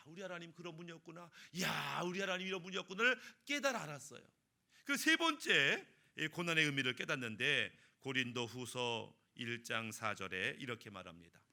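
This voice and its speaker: A man's voice: sits high, bright, forceful tone. A male pastor preaching a sermon with emphatic rhetorical questions and anecdotes.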